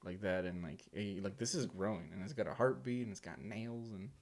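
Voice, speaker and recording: A man's voice: fairly low pitch, a little fast, darkish tone. A man in his thirties, a father and podcast co-host, in a casual chat, talking animatedly and laughing often as he acts out voices.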